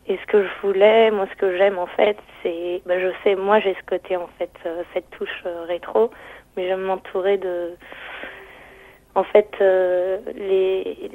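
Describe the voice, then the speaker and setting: A woman's voice: mid-range voice, no room sound. A woman gives an interview over a dry, narrow telephone line. Her voice is thin, tender and a little old-fashioned, with rolled R's. She answers casually, hesitating and repeating words as she looks for the next one. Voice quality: thin, tender, slightly retro voice. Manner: hesitant, searching, frequent repetitions. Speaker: singer interviewed as phone-in guest. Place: on a phone call to radio.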